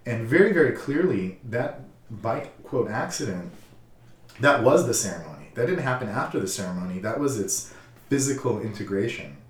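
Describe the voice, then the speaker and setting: A man who works as a counselor, telling a personal story in a calm, reflective way, halting often with fillers. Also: medium pitch, roomy sound, recorded from a distance.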